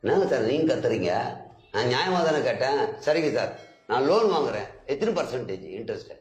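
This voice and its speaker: With a sing-song, mid-range voice, a man argues indignantly as a bank customer in a comedy sketch, shooting off questions in quick succession. Faint music plays in the echoey room.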